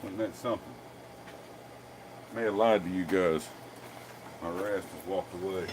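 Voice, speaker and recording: A man with a low, slightly slow voice hosts a blacksmithing live stream from his workshop forge, with noise in the background. Folksy and joking, he chats casually with viewers, addressing them by name while demonstrating his forge work.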